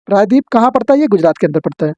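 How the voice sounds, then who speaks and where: A man teaching an exam-prep geography lesson, drilling his students with quick questions and answers. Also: high voice, big pitch swings, mellow, dry recording, dull audio.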